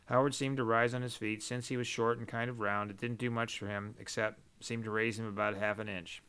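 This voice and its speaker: A man narrating a novel as an audiobook in a measured, even storytelling manner. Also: on the low side, clear, resonant tone.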